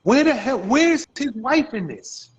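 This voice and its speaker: A male host of a live talk show, asking probing, direct questions with halting restarts. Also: very high-pitched, sing-song, muffled recording.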